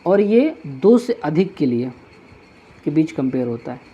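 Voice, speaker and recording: Mellow-voiced man teaching grammar patiently. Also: fairly high pitch, very animated, husky, dull audio. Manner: patient, repeats each point slowly while writing on a board. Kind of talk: classroom grammar lesson.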